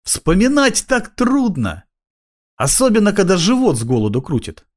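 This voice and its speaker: Guy putting on a high hoarse drunk bum voice, crude and swearing, drawn-out. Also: huge pitch swings, heavily acted. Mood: wheedling. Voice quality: raspy, hoarse. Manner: swears constantly, drawls. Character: boozy raspy male street bum, crude.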